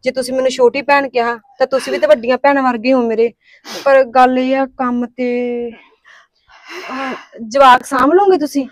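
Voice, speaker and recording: An actress with a Punjabi accent playing an earnest, kind-hearted young daughter-in-law who talks back at home and consoles a stranger. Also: female voice, high voice, steady tone, moderate pace, no echo, natural voice. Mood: consoling. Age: young adult. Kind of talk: village family drama acting.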